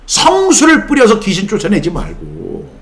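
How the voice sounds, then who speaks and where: A middle-aged male pastor delivering a lively sermon, his pitch sitting a little high and swinging widely as he preaches. He drops into short acted-out exchanges with quoted voices along the way. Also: moderate pace, vocal fry.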